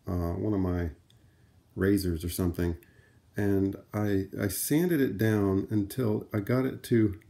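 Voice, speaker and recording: A lowish, warm voice with some vocal fry belongs to this middle-aged vintage audio hobbyist and vlogger. Indoors in a room at home, he runs through a loose, unscripted demo, talking conversationally and thinking aloud as he handles the items.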